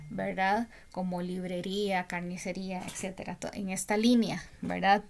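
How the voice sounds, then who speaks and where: A woman teaching a spelling lesson, patient and full of pauses, often checking understanding with a question. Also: mid-range voice, gravelly. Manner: slow, patient, many pauses and fillers; asks "¿verdad?" to check understanding.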